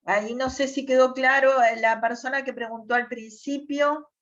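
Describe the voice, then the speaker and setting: A woman's voice: sits high, fairly even intonation, moderate pace, a bit bright. A woman teacher, patiently explaining over a video call and checking with "¿tá?". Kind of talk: online class explanation. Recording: dull lo-fi video call audio.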